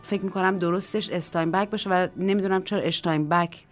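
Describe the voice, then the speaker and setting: A woman with a fairly low voice reads a short story for a radio program. She gives each character in the dialogue its own tone. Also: faint music behind. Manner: expressive, shifting tone for each character. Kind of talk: dramatic story reading with acted dialogue.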